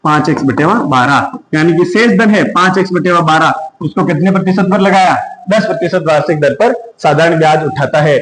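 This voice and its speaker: Guy doing an exam maths class, talks through each step, high pitched, echoey room. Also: a little fast, few pauses, a bit bright, a little hiss or hum. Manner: works through sums step by step, asking and answering himself. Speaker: maths teacher. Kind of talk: exam-prep maths lesson.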